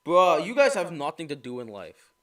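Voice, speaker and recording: A man's voice: a little high, huge pitch swings, moderate pace, fairly bright tone. A man co-hosting a casual podcast while playing chess, talking in a slangy, exasperated way. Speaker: podcast co-host.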